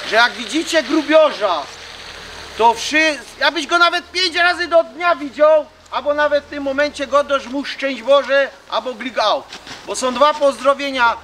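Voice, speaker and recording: A man's voice: very high-pitched, sharp tone. A man with a Silesian accent giving an informal public talk in dialect as a reenactor. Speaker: mining reenactment group member addressing visitors. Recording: noisy outdoor ambience.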